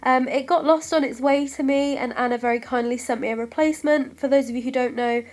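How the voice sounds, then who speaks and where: A young British woman, a craft vlogger, narrates her scrapbooking process while clearly suffering a head cold: her nose is stuffy, she's short of breath, and her voice fades. She's chatty and apologetic, filling gaps with lots of ums. Her pitch is a touch high, her tone steady and a little mellow, and she talks fairly quickly.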